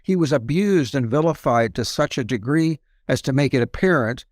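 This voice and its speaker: A man explains his research as an interview guest in a casual, qualifying way with small asides. His pitch is medium and the sound is dry. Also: animated, normal speed, no echo.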